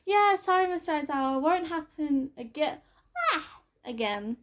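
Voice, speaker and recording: A woman voicing an exhausted, gentle teenage boy hero student who mumbles sleepily. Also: high voice, measured pace, voice pushed up. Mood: sheepish.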